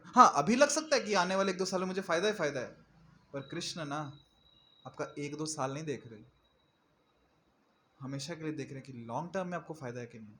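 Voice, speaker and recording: Male preacher, higher voice, conversational sermon, asks listeners questions, faint room ambience. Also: fairly bright tone, slight background noise.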